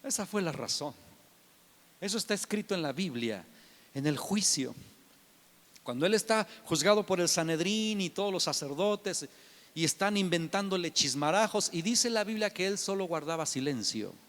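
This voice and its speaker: A man preaching a sermon emphatically, swinging from shouts to hushed whispers. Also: high-pitched, animated, normal speed, long reverb tail.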